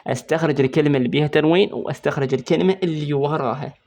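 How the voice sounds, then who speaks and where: A man with an Iraqi Arabic accent teaching an exam-prep lesson on Quran recitation rules. He quizzes the student and repeats key points slowly while writing on a board. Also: a little high, darkish tone. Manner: writes on a board while explaining.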